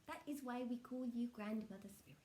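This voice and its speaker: Acting as a seance medium in trance, a woman passes on spiritual messages in brief, broken phrases, her manner solemn and measured. Her voice is somewhat high and warm, with slight background noise behind it.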